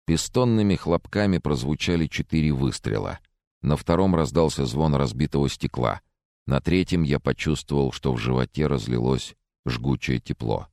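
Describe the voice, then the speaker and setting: A man's voice: a bass voice, a little mellow, no room sound, clean studio sound. A man narrating a thriller audiobook in the first person, reading expressively.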